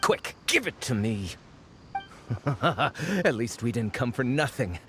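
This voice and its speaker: A man playing a pompous, greedy, excitable archaeologist in a video game, blustering and argumentative. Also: mid-range voice, slow, slight background noise. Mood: greedy glee. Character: pompous, greedy, excitable self-proclaimed archaeologist and treasure seeker. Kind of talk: English video game voice acting.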